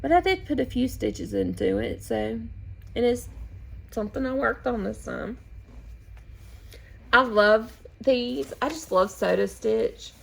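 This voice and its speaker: A woman from the United States talks casually through her projects at home, in slow, unhurried speech. Her voice has a gravelly fry, and she meanders with pauses and restarts as she goes. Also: on the high side, very animated. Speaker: flosstube host. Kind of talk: casual show-and-tell chat.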